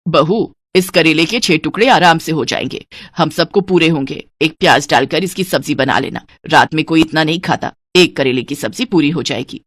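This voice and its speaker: A woman voicing a stingy, cunning older mother-in-law in an animated story, who scolds and counts every spoonful. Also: low-pitched, no echo, clean studio sound, pitched below the performer's own voice. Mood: instructing. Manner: scolding, penny-pinching, counts slowly.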